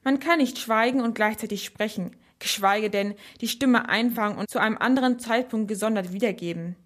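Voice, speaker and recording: A woman voicing a calm, clever young man who lays out his reasoning step by step. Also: mid-range voice, a little fast, close to an everyday voice. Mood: musing.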